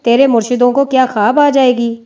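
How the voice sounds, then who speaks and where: A woman's voice: fairly high pitch, level tone, mellow, close to an everyday voice. A woman reading as a scornful old village man. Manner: mocking, scolding. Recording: distant mic.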